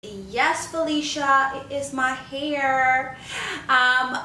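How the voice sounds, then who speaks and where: A woman in her twenties from Canada, chatting to camera as a beauty vlogger in an upbeat, quick way. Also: high voice, pushed and bright, slight background noise. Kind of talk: casual chat to camera. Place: living room or home office, indoors. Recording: roomy, slightly distant sound.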